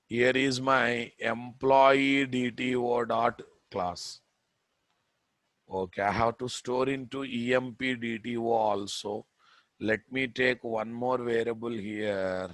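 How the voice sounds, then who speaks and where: Male tech instructor, unhurried and repetitive lecture delivery, question-driven, recorded dry. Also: lowish voice, fairly bright tone, no room sound. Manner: repetitive, prodding listeners with questions. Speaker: programming instructor. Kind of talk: live coding lecture.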